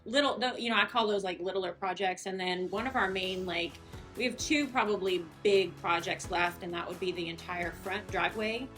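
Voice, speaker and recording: A woman's voice: mid-range voice, moderate pace, a bit bright, soft background music. A woman giving casual, conversational answers as a homeowner in an interview.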